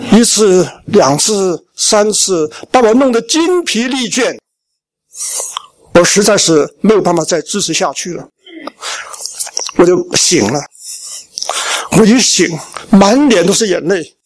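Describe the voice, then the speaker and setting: A man's voice: sits high, sing-song, takes it slowly, long pauses. A middle-aged male pastor from Shandong, telling his life story in a sermon and acting out the family talk. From Shandong, China. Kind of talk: sermon testimony.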